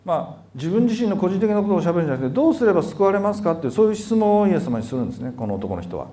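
A man interpreting a sermon sentence by sentence, talking quickly with filler words and reading scripture passages. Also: high voice, big pitch swings, dark tone, echoey room.

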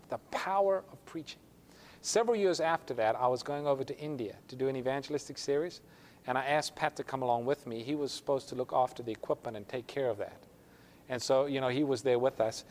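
A man's voice: mid-range voice, a little hiss or hum. A male pastor telling a story in a sermon, acting out the voices of the people in it. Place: church sanctuary. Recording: long hall reverb.

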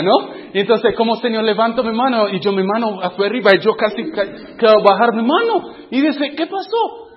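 High-voiced man preaching in an echoing hall. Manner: conversational, asks the audience questions, acts out his own inner dialogue. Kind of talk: testimony sermon to youth. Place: church hall with a youth group. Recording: muffled sound with long hall reverb.

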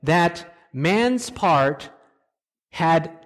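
Emphatic preacher with a higher male voice. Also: expressive, extremely slow. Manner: emphatic, asks the audience rhetorical questions. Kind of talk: sermon lecture with slides.

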